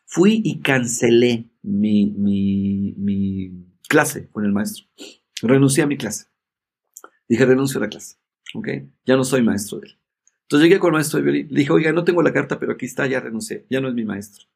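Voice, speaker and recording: A man, a guest in a conversation, telling a personal story in an emphatic, animated way and often checking in with his listener. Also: mid-range voice, fast talker, gravelly, breathy edge.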